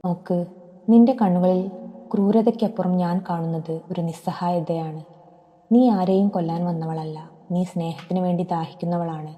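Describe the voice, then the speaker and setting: Storybook hero, played by a woman: a steady young man, gentle, low and dark-toned, with long reverb. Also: normal speed, lo-fi sound, natural voice. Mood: calm tender. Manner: calm, gentle.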